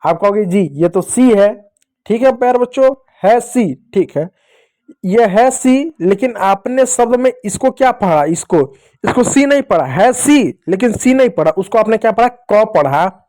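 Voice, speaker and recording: A man's voice: high-pitched, expressive, normal speed, a little mellow. A man teaching English phonics to children, patiently asking the class questions and answering them. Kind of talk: explaining to children.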